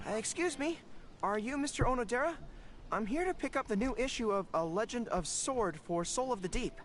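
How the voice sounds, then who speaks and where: A woman's voice: a little high, animated, a little fast, close to an everyday voice. A woman voicing an earnest young male general in a video game, boyish, polite and prone to stammering. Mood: nervous, flustered. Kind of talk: video game character acting. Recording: music behind the voice.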